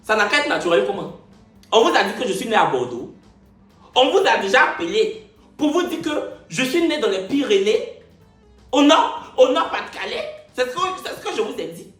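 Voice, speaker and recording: An Ivorian YouTuber in his twenties, speaking with an Ivorian French accent, tells a comic story from his own life on his video channel. He's animated and joking, repeating phrases, with a high-pitched voice that runs a little fast, reverberant sound, and faint music behind.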